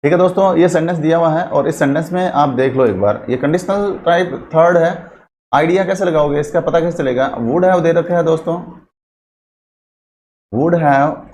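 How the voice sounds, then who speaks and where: A man with a fairly high voice gives a classroom grammar lecture, posing questions to his students and answering them himself. He switches between two languages and spells out words slowly as he writes. A faint hiss runs under the recording. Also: a little mellow. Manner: mixes English terms into his Hindi. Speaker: English teacher.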